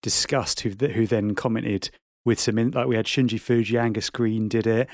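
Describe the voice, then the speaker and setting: A man's voice: on the low side, steady tone, moderate pace, no room sound, studio quality. A man co-hosting a podcast, chatting casually and laughing often. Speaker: podcast co-host.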